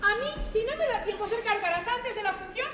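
A woman's voice: extremely high pitch, quick pace. A woman playing a cheeky, defiant theater performer in stage comedy. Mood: cheeky, indignant. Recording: echoey theater with crowd behind.

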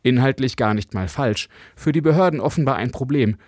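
Male correspondent, measured news read, dry booth sound, mid pitch. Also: darkish tone, dry recording. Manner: measured, clear reporting delivery. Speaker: foreign correspondent. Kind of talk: radio news report.

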